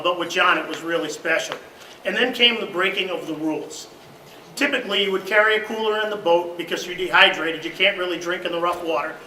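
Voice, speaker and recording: A man's voice: high-pitched, slight background noise. A man giving a remembrance at a memorial service, telling stories with many fillers. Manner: storytelling with many fillers, grows loud in the boat tales. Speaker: eulogy speaker. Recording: roomy hall recording from a distance.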